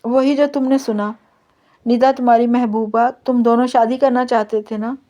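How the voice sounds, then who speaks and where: A woman reading the part of a hurt, quick-tempered young bride in her own voice. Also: on the high side, fairly even intonation, warm tone, natural voice. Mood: angry.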